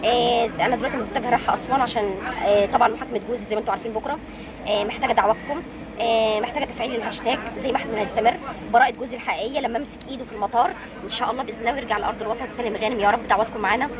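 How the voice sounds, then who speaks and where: A woman's voice: on the high side, steady tone, very fast. A young Egyptian woman giving a reassuring, hesitant phone update from a train, with many fillers. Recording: train noise and chatter.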